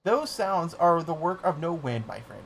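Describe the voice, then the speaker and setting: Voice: mid-range voice, big pitch swings, normal speed, a bit bright, slight background noise, pitched above the performer's own voice, poor audio. A streamer voicing a solemn male gatekeeper from a fantasy game, reading lines grandly but stumbling over some words. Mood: solemn, ominous. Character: solemn male gatekeeper guarding a beast-filled ruin. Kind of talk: reading game dialogue aloud.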